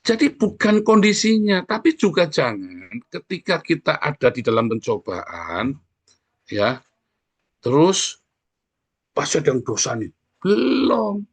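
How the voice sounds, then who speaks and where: A man's voice: on the high side, huge pitch swings, creaky, slightly rough, no echo. A male pastor giving a sermon in a conversational way, often addressing the congregation directly. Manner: sings short worship lines softly and slowly.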